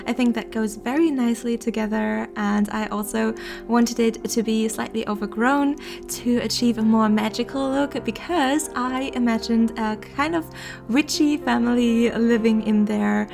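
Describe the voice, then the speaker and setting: A woman's voice: fairly high pitch, steady tone, a little slow, creaky, music in the background. A young woman in her twenties chatting in a casual voiceover, her voice nasal and congested from allergies, laughing often between words. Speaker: game building content creator.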